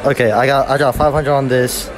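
A man's voice: mid-range voice, level tone, brisk. A man being interviewed in a shopping mall, answering casually and with a playful laugh. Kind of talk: casual chat.

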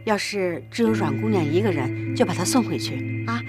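A woman's voice: lowish voice, lively intonation, moderate pace, music in the background, lightly acted. A middle-aged actress playing a firm, nagging rural mother. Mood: urging. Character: bossy rural mother of grown children.

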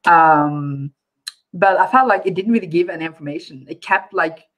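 A woman's voice: lowish voice, moderate pace, fairly bright tone, low-quality recording. A woman co-hosting a book club, chatting casually and hesitantly, with frequent restarts and filler words.

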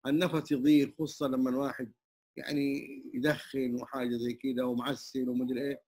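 A man's voice: mid-range voice, little pitch movement, fast talker, a little mellow, slightly rough. An older man with a Hijazi Arabic accent speaking in an open conversation at a community hall, humble and emphatic, with many religious phrases. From Saudi Arabia. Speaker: interviewee, traditional singer and muezzin.

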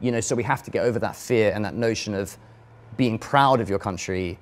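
On a studio panel stage before an audience, a young London vlogger and model speaks as a guest in an earnest, reflective way, using hand gestures. He has a London English accent. His voice is on the low side and a little fast.

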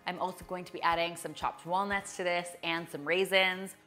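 A woman's voice: on the low side, steady tone, normal speed, sharp tone, faint music behind. A woman in her thirties hosting a cooking show, chatty and upbeat as she walks viewers through a recipe in a kitchen studio. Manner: bubbly and chatty, addresses viewers directly. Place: bright home kitchen studio.

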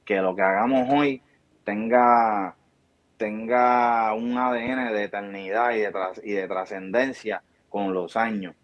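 A Puerto Rican barbershop founder in his thirties, speaking with a Puerto Rican Spanish accent, appears as an interview guest over a video call from a small indoor room. His voice is on the low side and steady, a little slow, as he delivers an emphatic, preachy motivational talk, gesturing with his hands. The webcam audio is dry, dull, and lo-fi.

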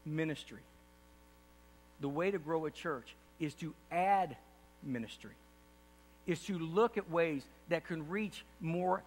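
A middle-aged man, a pastor, giving an earnest state-of-the-church address from a podium on a large auditorium stage, rising to impassioned emphasis. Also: fairly high pitch. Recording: distant reverberant hall with faint hum.

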